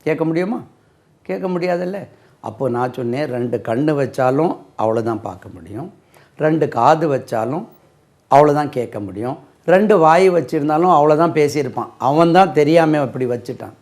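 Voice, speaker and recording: Casual: tamil-accented guy teaching english, kinda high voice, rough and creaky, repeats everything. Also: animated, a little mellow. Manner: slow, spells words letter by letter and repeats phrases. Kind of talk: spoken English lesson.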